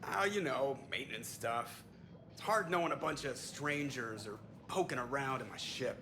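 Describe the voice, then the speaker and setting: A man's voice: medium pitch, normal speed, background noise, close to an everyday voice. An actor playing a cocky male starship pilot who jokes sarcastically. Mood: joking. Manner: sarcastic, joking. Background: game music.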